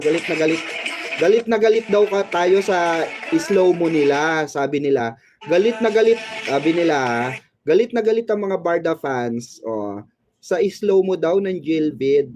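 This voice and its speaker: A man's voice: fairly high pitch, a little mellow, no echo. A man hosting a fan channel, chatting about showbiz in a gossipy, teasing way and laughing often. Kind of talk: casual showbiz commentary.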